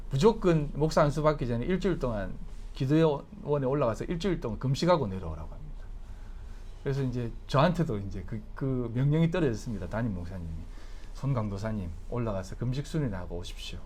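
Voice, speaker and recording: A man, a pastor, preaching a sermon with animated swings from soft storytelling to loud exhortation, sometimes laughing as he tells stories. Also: mid-range voice, a little hiss or hum. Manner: acts out family dialogue with a laugh in his voice.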